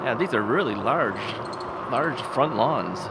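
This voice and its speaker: Riding an ebike through suburban streets, a man vlogs to a bike-mounted camera in a medium-pitched, lively voice at a slow pace. He rambles casually, chuckles often, and questions himself as he thinks aloud. Traffic and wind noise fill the outdoor recording.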